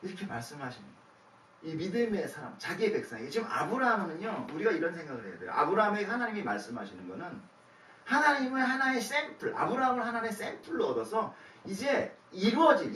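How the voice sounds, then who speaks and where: A man's voice: high-pitched, a little hiss or hum. A man preaching a casual sermon who acts out the voices in the story, chuckles and asks his listeners questions. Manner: lively, acts out God's and Abraham's lines in conversation. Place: church worship room. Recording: echoey church hall, mic at a distance.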